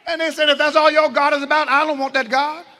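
Preacher man, piercing bright tone, drops low then shouts back at the congregation. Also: little pitch movement, quick pace, a faint crowd. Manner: call-and-response preaching, swinging from low asides to shouts. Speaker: bishop preaching. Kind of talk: sermon.

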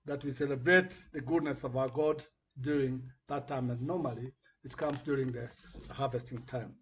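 A middle-aged Kenyan man with a husky voice, a church elder giving a measured devotional response over a video call. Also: mid-range voice, steady tone. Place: curtained indoor room. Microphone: computer mic on video call.

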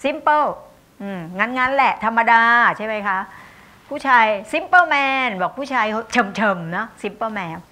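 Bright-voiced Thai woman lecturing slowly. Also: a little high, animated. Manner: explains warmly and chattily, with tag questions and asides. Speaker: university English lecturer. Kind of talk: bilingual lecture, reading English examples slowly.

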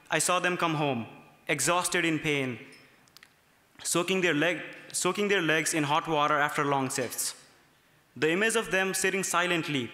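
A man's voice: a little high, sharp tone. Earnest young man from Nepal at a podium. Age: young adult. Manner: earnest, reading from notes. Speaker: student speaker. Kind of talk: prepared speech at a gala. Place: large ornate hotel ballroom. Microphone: podium microphones. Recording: long reverb of a large hall.

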